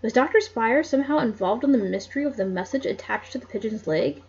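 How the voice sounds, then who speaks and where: A woman's voice: on the high side, animated, quick pace, a little mellow, husky, dull audio. A woman casually reading a mystery novel aloud, with small slips and restarts along the way. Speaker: reader.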